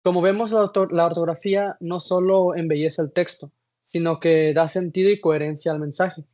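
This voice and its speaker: A man's voice: on the high side, fairly even intonation, a little fast, a little mellow. A man giving a class presentation, reading from slides with some hesitations and restarts. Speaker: student presenter. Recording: dull lo-fi recording.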